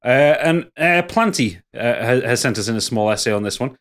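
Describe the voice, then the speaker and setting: Podcast guy reading out listener stories, hams it up, mid pitch, laughs a lot. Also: animated, fairly quick, fairly bright tone. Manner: laughs often, reads stories aloud with mock drama. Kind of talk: casual chat and reading aloud.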